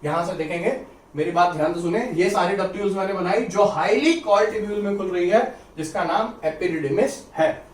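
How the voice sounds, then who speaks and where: High-voiced male teacher in echoey room. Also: moderate pace. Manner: repeats points, urges students to listen carefully; mixes English terms into Hindi explanation. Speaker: biology teacher. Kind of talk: exam-prep biology lecture. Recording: roomy echo, somewhat distant mic, faint ambience.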